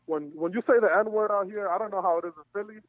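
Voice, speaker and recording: Fast-talking high-voiced caller from Miami. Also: male voice, steady tone. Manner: quick, eager to add a point. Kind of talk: casual call-in chat. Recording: tinny phone line.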